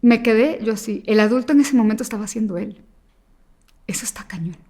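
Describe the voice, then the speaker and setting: A woman guest telling an emotional personal story, acting out the voices of the people in it and sometimes rushing through in fast bursts. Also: fairly high pitch. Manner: animated, acts out quoted dialogue. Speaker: interview guest.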